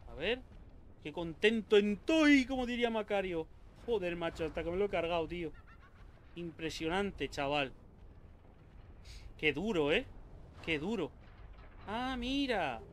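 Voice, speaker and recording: A man from Spain with a Spanish accent, commentating his own gameplay in an excitable, swearing, talk-to-himself way. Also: sits high, a little slow, pauses often, slight background noise. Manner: excitable, swears a lot, talks to himself and viewers. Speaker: gaming YouTuber.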